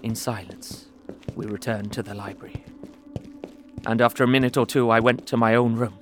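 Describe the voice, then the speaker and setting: Playing a scared Englishman recounting his ordeal for an audio drama, this young adult speaker sounds earnest, tense and fearful. He's lightly acted, with a medium pitch, steady tone and normal speed, and a music score runs beneath him.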